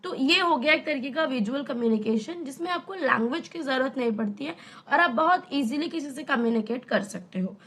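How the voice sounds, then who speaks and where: Young female tutor, high voice, casual and conversational online lesson. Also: lively intonation, a little fast, a bit bright. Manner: chatty, explains with everyday examples and rhetorical questions. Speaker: teacher.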